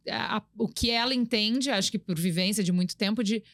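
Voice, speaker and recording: A woman's voice: mid-range voice, a little fast, no echo. Chatty woman podcast host, dry sound. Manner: conversational, anecdotal, frequent affirmations. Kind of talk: casual podcast conversation.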